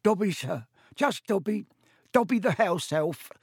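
A man voicing a small, servile male house elf in an audiobook, squeaky and strained, fawning and pleading. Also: expressive, a little slow, husky, no echo, studio quality, full character voice. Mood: awed, eager. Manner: pleading, talks of himself in third person. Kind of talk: audiobook character voice.

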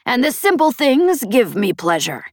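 A woman voicing a haughty, theatrical female pirate leader in an audiobook, with a shrill, loud voice. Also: big pitch swings, a little slow, dry recording, studio quality. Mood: teasing.

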